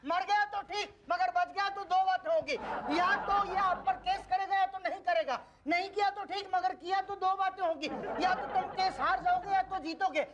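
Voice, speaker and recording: An actor playing a cheeky office clerk in a TV sitcom who rambles through long chains of logic. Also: male voice, extremely high pitch, fairly even intonation, normal speed, few pauses, muffled recording, a crowd in the background, background noise. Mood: teasing. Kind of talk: TV sitcom acting.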